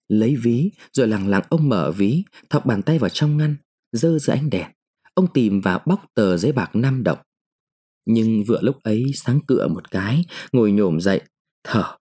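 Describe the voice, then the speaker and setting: A man reading a short story aloud in a slow, measured storytelling manner. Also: mid-range voice, warm tone, slightly rough. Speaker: narrator. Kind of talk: scripted short-story narration.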